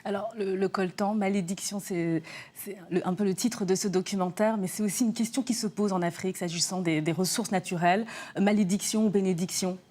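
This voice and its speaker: A woman hosting a studio interview, speaking in a measured way with frequent hesitations. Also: medium pitch, steady tone, a little mellow. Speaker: interviewer host.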